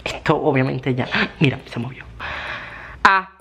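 A young Venezuelan woman who chats excitedly and swears, and yells short sounds to play a voice-controlled phone game. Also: lowish voice, brisk, echoey room, background noise. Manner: excitable, chatty, slangy and profane, yelling "ah" to steer the game. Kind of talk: casual gaming vlog.

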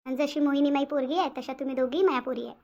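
A woman's voice: high voice, fairly even intonation, fast talker, darkish tone, highs cut off, a little hiss or hum. A woman voicing a fussing village mother. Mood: fond. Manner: fussing, insistent, repeats herself. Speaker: voice actor. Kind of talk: cartoon voice acting.

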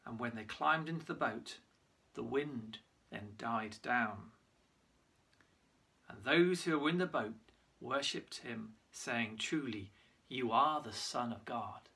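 A church leader giving a lively Bible story talk for online worship, using props and sometimes stumbling over names. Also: medium pitch. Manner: lively storytelling with props, loses track and corrects itself.

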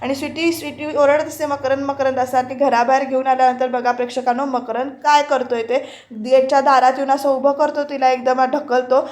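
Woman recapping a tv serial scene by scene, high flat voice, roomy echo. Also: brisk. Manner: retells scenes, quoting each character's lines with little change of voice; addresses the audience directly. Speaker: serial review narrator. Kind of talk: voice-over retelling of a TV serial episode.

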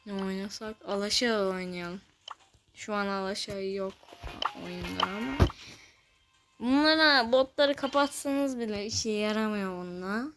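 A young woman giving casual commentary over a mobile game, chatty and quick to get loud and frustrated. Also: medium pitch. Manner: chatty, gets loud and frustrated when dying. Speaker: gameplay video host. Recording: music playing behind the voice.

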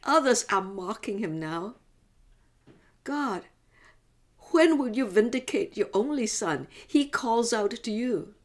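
A woman playing an anguished, devout middle-aged mother in a slow, emotive religious monologue, pleading as she grieves for her son. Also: on the high side, animated. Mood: grieving, desperate.

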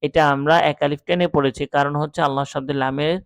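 A man's voice: fairly high pitch, fairly even intonation, a little fast, clear, resonant tone, no room sound. A man teaching Quran reading step by step, spelling out letters and then reading them together with patience. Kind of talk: step-by-step recitation lesson.

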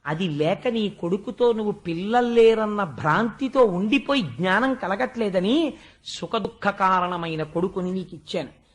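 An older man giving a spiritual discourse, telling a story and breaking into chanted verse, swinging from soft asides to loud emphasis. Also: sits high, animated, normal speed. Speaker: religious discourse speaker.

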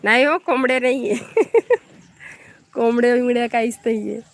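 Woman from Maharashtra, fairly high voice, chatty live-stream host who greets her viewers. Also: fairly even intonation, fast talker. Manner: chatty, greets viewers and answers their comments.

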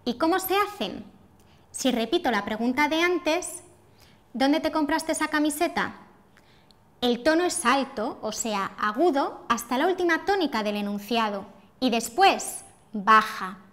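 A woman teaching pronunciation in a scripted lesson for language learners, speaking clearly and deliberately and demonstrating intonation. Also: on the high side, expressive, fairly bright tone.

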